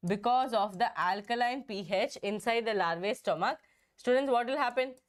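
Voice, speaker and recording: A young woman with a hoarse, strained voice from a throat infection, teaching an exam-prep biology lesson and repeating herself with frequent "okay"s. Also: fairly high pitch, moderate pace. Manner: repetitive, checks in with "okay".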